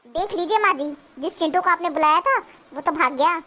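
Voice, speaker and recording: Brief: a woman as a squeaky-high, sharp-tongued young cartoon bride. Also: fairly quick. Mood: defiant. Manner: retorting, argumentative. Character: young daughter-in-law, sharp-tongued, defiant. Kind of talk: cartoon voice acting.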